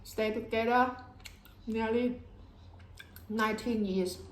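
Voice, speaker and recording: A woman's voice: on the high side, fairly even intonation, slow, noisy background. A woman from Thailand with a Thai accent, casually walking through a home-cooked meal in simple broken English. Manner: simple broken English, naming dishes one by one. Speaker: cooking vlogger. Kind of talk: casual cooking and eating vlog.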